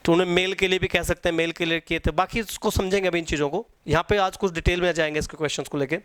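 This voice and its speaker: A man's voice: high-pitched, steady tone, fast talker, fairly bright tone, smooth, dry recording. A man teaching an exam-prep lecture. He repeats key points and quizzes his students.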